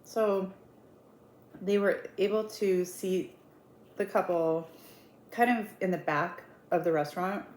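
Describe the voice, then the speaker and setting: An eat-with-me storyteller with a fairly low, darkish voice speaks slowly and pauses often. She narrates casually but theatrically, voicing quoted dialogue and repeating words for emphasis. The sound is echoey, and background noise is clearly audible.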